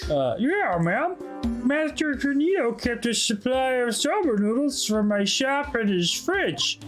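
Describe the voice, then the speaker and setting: A hot-headed soba shop owner drawls with a Texas twang, calling everyone ma'am and sir as he protests. A woman acts him out, pushing her voice up. Game music plays clearly behind him. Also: a little high, very animated, a little slow. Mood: indignant folksy. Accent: Texas twang put on. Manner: folksy, indignant, says ma'am and sir. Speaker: game player voicing characters.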